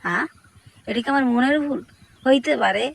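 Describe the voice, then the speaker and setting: A single dubber voicing a grumpy male cartoon cat in a comic fan dub, muttering loudly and suspiciously to himself. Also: sits high, moderate pace, vocal fry.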